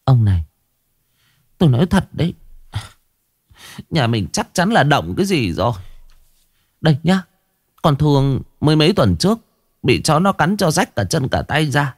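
A man's voice: fairly high pitch, sing-song, normal speed, long pauses, husky, no room sound, clean studio sound, voice pushed up. A man voicing a frightened middle-aged village wife, who stammers and pleads. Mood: worried, insistent.

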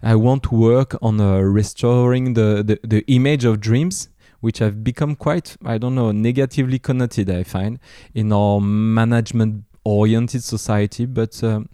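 A man with a French accent hosting a podcast, reading a lively intro and then asking questions in halting English. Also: fairly low pitch, clear, resonant tone, no echo, clean studio sound. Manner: enthusiastic, hesitant when speaking English. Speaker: podcast host. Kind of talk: scripted podcast intro and interview.

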